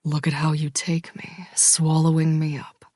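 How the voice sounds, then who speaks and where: A woman voicing a young man in a romance audiobook, speaking in a low murmur. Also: level tone, measured pace, darkish tone, dry recording, clean studio sound.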